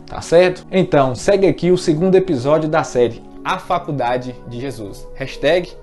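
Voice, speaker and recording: Earnest Brazilian man, testimony, soft music. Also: on the high side, moderate pace. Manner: earnest, emotional storytelling with repeated words. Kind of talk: personal testimony talk.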